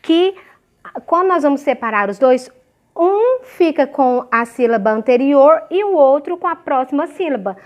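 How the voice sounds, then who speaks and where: This woman, a primary school teacher, walks young children through a grammar lesson, slowly breaking example words into syllables and frequently asking "ok?" or "certo?" Her voice sits high and is expressive and a little mellow. The recording sounds muffled.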